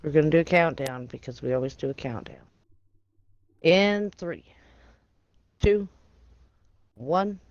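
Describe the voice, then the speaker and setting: A woman's voice: sits low, expressive, measured pace, pauses often, a little mellow. A woman hosting a gaming livestream, teasing the players with playful announcer-style introductions. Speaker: stream host. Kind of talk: casual gaming livestream chat. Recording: slightly dull lo-fi stream audio.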